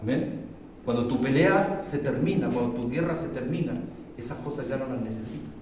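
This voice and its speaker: A middle-aged man with a Chilean accent, preaching a sermon as pastor, shifting from loud emphatic peaks to low confiding testimony. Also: brisk. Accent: Chilean Spanish. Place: church hall. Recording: echoey church hall, mic far off, faint noise.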